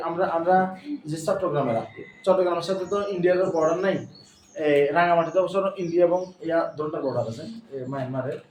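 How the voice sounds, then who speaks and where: A Bangladeshi man teaching a passage to a class, going through it line by line and pausing often to check that his students follow. His voice sits a little high for a man and sounds far from the mic, in an echoey room with a faint hum of ambience behind him. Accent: Bangladeshi Bengali. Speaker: English teacher. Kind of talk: classroom lesson explaining a passage.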